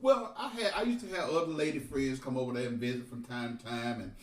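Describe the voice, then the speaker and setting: A man telling a profane, animated story on a podcast and laughing often. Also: mid-range voice, fast, distant mic. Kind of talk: casual storytelling. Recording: echoey room, off-mic.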